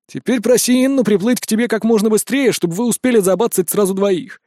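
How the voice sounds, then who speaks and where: A man's voice: high-pitched, fast, warm tone, no echo, clean studio sound, pitched above the performer's own voice, lightly acted. A man playing a brash, laid-back male friend who lectures bluntly in slang. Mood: lecturing.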